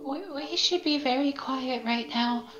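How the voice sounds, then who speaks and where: Woman playing anxious adventurer, high urgent warning. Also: unhurried, a bit bright, dull audio. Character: cautious, anxious adventurer urging everyone to stay quiet. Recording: roomy echo, faint music.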